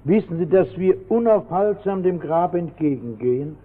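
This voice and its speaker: A man preaching a sermon in a church, fervent and dramatic, telling a story with sudden shouted lines. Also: sits high, animated, moderate pace. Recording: tinny old radio broadcast with long hall reverb.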